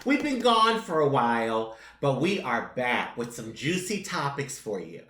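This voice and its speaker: A woman's voice: a bass voice, big pitch swings, measured pace, a bit bright, reverberant. A woman hosting a casual talk show, playful and giggly with a flirtatious streak. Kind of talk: casual chat.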